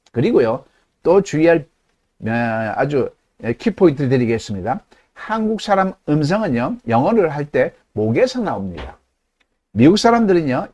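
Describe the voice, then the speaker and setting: Lively, emphatic male English teacher. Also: on the high side, dull audio. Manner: emphatic, rhetorical questions to the audience. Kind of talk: lecture.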